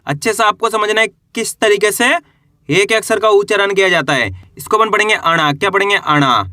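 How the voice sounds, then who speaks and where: Bright high-voiced man teaching slowly. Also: no room sound, studio quality. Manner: slow, drawn-out pronunciation drills with call-and-response questions. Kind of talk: beginner reading lesson.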